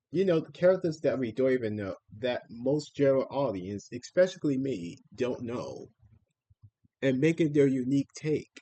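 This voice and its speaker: A man's voice: on the high side, warm tone, low-quality recording. A man streamer giving casual live reaction commentary on trailers, repeating himself and exclaiming in mild slang.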